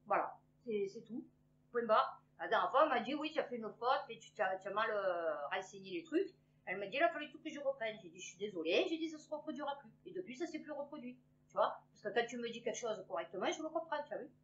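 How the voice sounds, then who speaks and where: High-voiced sarcastic woman in her fifties. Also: animated, fast, a bit bright, slight background noise. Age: 50s. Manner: rambling, sarcastic asides, many fillers. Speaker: online news commentator. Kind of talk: casual commentary on news headlines. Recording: dull lo-fi recording.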